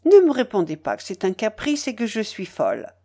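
A woman voicing an imperious, mocking young aristocrat in a read-aloud novel, higher and brighter than her narration. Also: huge pitch swings, fairly quick. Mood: coaxing. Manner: commanding, mocking, playful.

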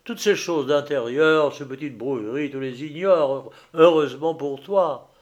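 A man's voice: fairly high pitch, a little slow, highs cut off, close to an everyday voice. A man reading an audiobook, voicing a proud, anguished grown son who pleads urgently. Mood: persuasive.

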